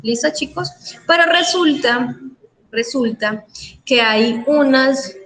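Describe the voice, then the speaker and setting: A woman's voice: high voice, takes it slowly, fairly bright tone, poor audio. A Colombian woman teacher, middle-aged, patiently explaining verse to students in an online class and checking that they follow. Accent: Colombian Spanish. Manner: patient, checks understanding with frequent questions.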